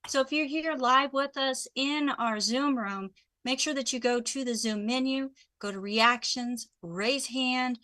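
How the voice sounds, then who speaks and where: A woman with a bright, fairly high voice hosts a live call-in show. She talks in an upbeat way as she explains the steps to viewers. The sound is dry and close. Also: no echo. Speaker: show host.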